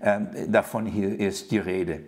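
Earnest preacher teaching scripture. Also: male voice, lowish voice, fairly even intonation, a little slow, a little mellow. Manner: earnest, emphatic, many restarts and fillers; addresses listeners directly with questions. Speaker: preacher teaching a Bible study. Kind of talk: sermon-style Bible teaching.

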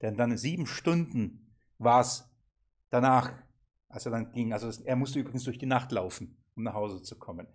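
Male seminar teacher, lively and questioning, acts out quotes. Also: medium pitch, moderate pace. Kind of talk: interactive Bible seminar teaching.

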